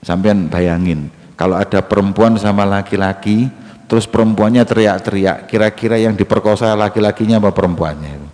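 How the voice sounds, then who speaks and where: Low-voiced preacher. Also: male voice, fairly quick. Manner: lively, mixes in local slang and jokes. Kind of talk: humorous storytelling sermon. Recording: long hall reverb.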